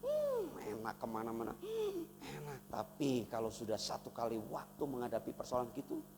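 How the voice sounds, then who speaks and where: A man from Indonesia preaching a sermon as pastor, swinging between loud emphatic lines and soft, intimate asides. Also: medium pitch, wildly swooping pitch, normal speed. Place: church hall. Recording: reverberant church hall, faint noise.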